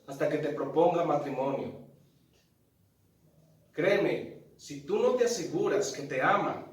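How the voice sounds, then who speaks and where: A man preaching a sermon to his congregation in an animated, direct way, often asking them questions. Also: fairly high pitch. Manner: animated, addresses congregation directly, tells a joke story. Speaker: pastor. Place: large church hall. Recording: very echoey church hall, mic at a distance.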